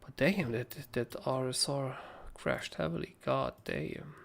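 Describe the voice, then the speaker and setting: Casual live chart analysis comes from a young man hosting a livestream, whose hoarse, raspy, mid-range voice moves at a measured pace. He rambles and swears freely while talking through the trading charts.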